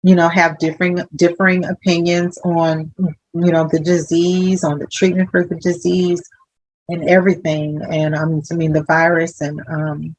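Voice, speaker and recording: A woman's voice: fairly low pitch, dry recording, rough recording. Woman, social worker, humorous storyteller, plays out other voices, dry recording. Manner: lively and humorous, acting out other people's voices. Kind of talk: casual interview storytelling.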